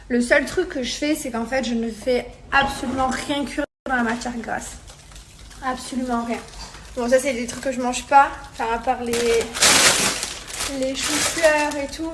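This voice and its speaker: A woman influencer talks softly into her phone in a casual, slightly mocking way. Her voice sits a little high, with faint noise behind. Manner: soft, low-key, mocking chatter. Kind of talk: casual social media story.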